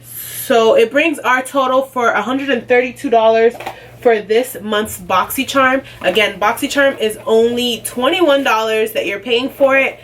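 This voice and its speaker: A young woman talks through a beauty unboxing in a relaxed, rambling way, dotting her sentences with "like" and "um." She sits a little back from the camera mic. A faint hiss of noise sits behind her. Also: on the high side, measured pace. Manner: chatty, lots of "like" and "um". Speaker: beauty vlogger. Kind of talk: casual unboxing chat. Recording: slightly distant, faint background noise.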